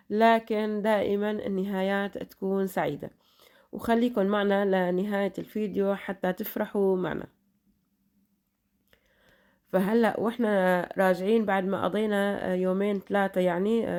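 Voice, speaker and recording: Brief: middle-aged woman vlogger, Levantine Arabic accent, tired voice, quick chatty delivery, mid pitch. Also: darkish tone, smooth. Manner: chatty, repeats blessings and fillers. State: tired voice after illness. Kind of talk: casual chat to followers.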